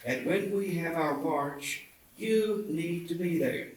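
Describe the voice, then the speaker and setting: At a commemorative event in an indoor theatre, a man reads a historic speech aloud slowly, in a fairly high voice with a preacherly, oratorical style. The hall is very echoey, the mic distant, and there's faint noise.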